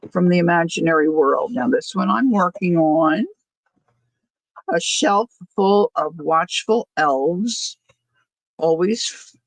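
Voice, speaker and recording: A woman's voice: lowish voice, creaky, no room sound, low-quality recording. An older woman chatting casually as a livestream host, rambling easily through asides, her words slightly slurred from missing front teeth. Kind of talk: casual chat.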